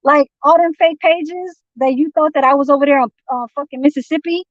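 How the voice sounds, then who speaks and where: In a dry, dull lo-fi stream, a San Francisco woman rants heatedly on a livestream, swearing nonstop and rambling confrontationally. Her voice is high with fairly even intonation, a little fast, and there's no echo.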